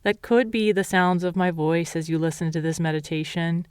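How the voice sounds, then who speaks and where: A woman meditation teacher leads a guided session in a calm, measured, instructional manner. Her voice sits on the low side, and the clean studio sound has a clean tone with no echo.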